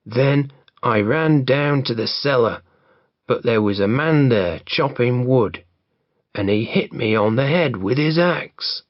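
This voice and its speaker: A man's voice: mid-range voice, expressive, slow, no echo. A man voicing a frightened robber who complains about the scary house, on a dull lo-fi recording. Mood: scared. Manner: complaining, scared. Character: frightened young robber, breathless storyteller.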